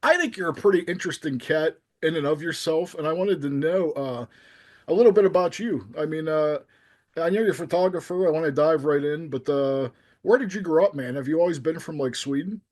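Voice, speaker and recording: A man from the United States hosting a casual interview show, upbeat and slangy, quick to laugh. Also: fairly high pitch, darkish tone. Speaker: podcast host.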